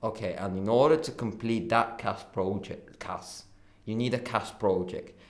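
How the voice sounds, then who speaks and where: Teen boy co-host, slow and low, echoey room. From Bulgaria. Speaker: podcast co-host. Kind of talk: casual explanation.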